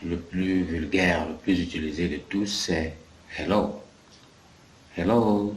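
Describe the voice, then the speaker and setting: A man's voice: low voice, steady tone, unhurried, roomy sound, a little hiss or hum. A man from Africa giving a patient English lesson, explaining in French and English and repeating key phrases. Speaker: English teacher. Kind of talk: bilingual language lesson.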